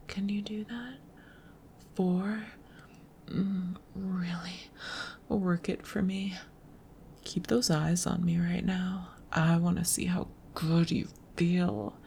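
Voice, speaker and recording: A young woman whispering softly in an intimate audio roleplay, unhurried and teasing. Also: lowish voice, vocal fry, slight background noise. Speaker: adult audio creator.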